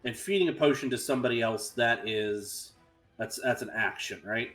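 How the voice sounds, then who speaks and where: A man's voice: mid-range voice, normal speed, a bit bright, soft background music. A man chatting casually as a player in a tabletop role-playing game, thinking through his moves aloud.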